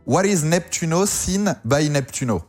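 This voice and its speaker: A man, a French-speaking host, interviewing a guest in English in a relaxed, lightly teasing way. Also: fairly high pitch, normal speed, soft background music. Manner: lightly teasing, laughs often. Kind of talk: casual interview.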